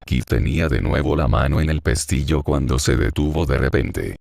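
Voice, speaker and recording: A man narrating an audiobook chapter in a slow, measured reading. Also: very deep voice, vocal fry, darkish tone, dry recording. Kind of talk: scripted narration.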